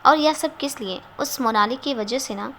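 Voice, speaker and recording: Woman reading as a bossy caring young woman, sharp tongue, higher voice. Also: normal speed, a little hiss or hum. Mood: scolding.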